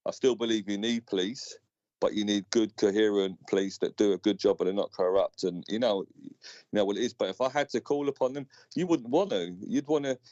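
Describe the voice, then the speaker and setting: A man's voice: lowish voice, a little fast, mellow, dry recording. A man speaking earnestly on a live-stream debate, restarting his sentences as he thinks. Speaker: panel guest. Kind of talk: casual debate chat. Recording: dry lo-fi stream audio.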